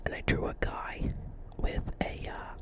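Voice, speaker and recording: A whispered role-play of a chatty, dreamy doctor's office receptionist with a New Jersey accent, rambling earnestly, repeating phrases and often checking in with the listener. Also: unhurried.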